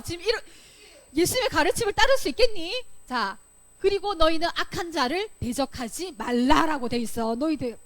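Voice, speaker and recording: A high-voiced woman leads a Sunday school Bible lesson for children, her pitch leaping and swooping as she goes. She fires questions at the kids and acts out examples with playful loud bursts. The lesson takes place in a church classroom.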